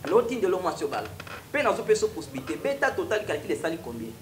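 A young man with a Congolese accent preaches his story in a TV studio, his voice rising and falling with lively energy. He moves between French and Lingala, and the room adds a roomy echo over a faint hiss. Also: sits high, fast talker. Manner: animated, switches freely between French and Lingala. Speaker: prophet guest. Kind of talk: preaching testimony in studio interview. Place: TV studio with stone wall backdrop.

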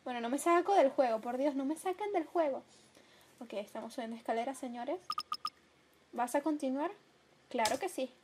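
A young woman commenting on a video game she is playing, emotional and prone to loud outbursts. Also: high-pitched, moderate pace, pauses often. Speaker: gameplay commentator. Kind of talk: let's play commentary. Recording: home mic with clear background noise.

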